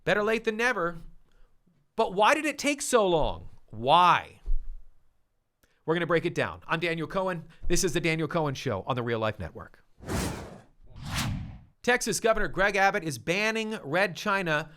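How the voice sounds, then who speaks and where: A man's voice: high voice, sing-song, normal speed, pauses often, sharp tone. A man hosting his own opinion show, delivering emphatic, indignant commentary with punchy repetition. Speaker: show host.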